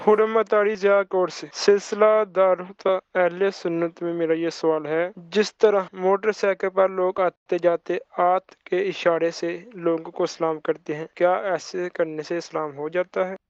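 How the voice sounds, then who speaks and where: High, smooth-voiced male caller. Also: steady tone, few pauses, no echo, muffled recording. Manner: gives his name and place, then reads his question carefully.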